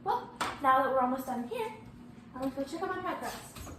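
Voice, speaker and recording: A woman with a high voice walks through a recipe in a casual tutorial style. She gives instructions in short, halting pieces. The room is echoey, with clear background noise. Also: expressive. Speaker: home baking presenter. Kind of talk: casual step-by-step cooking tutorial. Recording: roomy echo, clearly noisy background.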